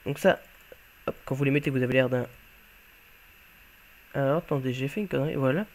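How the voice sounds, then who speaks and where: A YouTuber with a brisk, mid-range male voice shows off a game mod while he plays, commenting casually, offhandedly, and thinking aloud as he goes.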